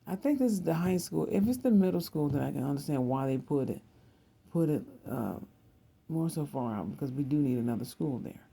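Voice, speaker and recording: Hosting a psychic video, a person in their thirties gives a rambling, casual monologue that keeps circling back and repeating phrases. This tarot reader talks briskly in an expressive, medium-pitched voice with a dark tone, vocal fry and a breathy edge.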